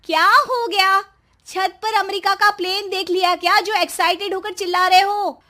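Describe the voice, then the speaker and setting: A woman voicing a bossy, sharp-tongued young wife who scolds loudly and mocks her husband. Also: very high-pitched, steady tone, moderate pace, pitched above the performer's own voice. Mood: scolding. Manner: loud, scolding, sarcastic. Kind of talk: storybook voice acting.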